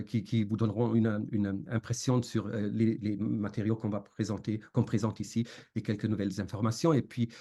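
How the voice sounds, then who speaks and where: A man who is not a native speaker, giving an academic seminar talk with a foreign accent in a halting, hesitant way full of long fillers. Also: on the low side, dark tone. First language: not French. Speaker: academic lecturer.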